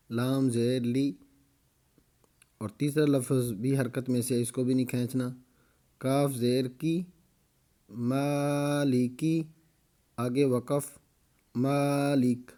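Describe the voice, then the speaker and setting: A man teaching Quran reading, slowly spelling out each letter and vowel, then briskly explaining the rules. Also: medium pitch, little pitch movement, warm tone. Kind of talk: slow spelling-out recitation lesson.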